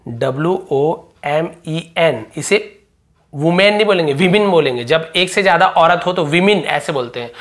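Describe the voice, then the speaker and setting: A man with a slightly raised pitch teaches English grammar in a Hindi-medium lesson. He walks through each sentence step by step, asking questions and answering them himself. When he writes out the English phrases he slows down and dictates them word by word. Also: a bit bright. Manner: explains step by step, repeats, asks and answers his own questions.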